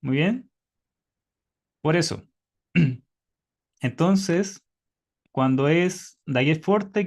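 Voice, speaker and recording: A man teaching Hebrew in an online class by video call, patiently quizzing his students. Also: on the high side.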